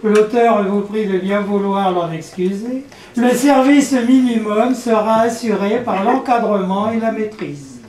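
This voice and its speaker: A man playing a formal, apologetic public announcer over a PA loudspeaker, in a comic spoken-word piece. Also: sits high. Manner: formal, measured station-announcement delivery. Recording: echoey, distant PA-style sound.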